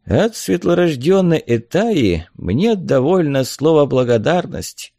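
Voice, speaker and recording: A man voicing a courteous older male merchant in a storybook reading, polite and measured. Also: on the high side, very animated, warm tone, dry recording, clean studio sound, pitched above the performer's own voice, heavily acted.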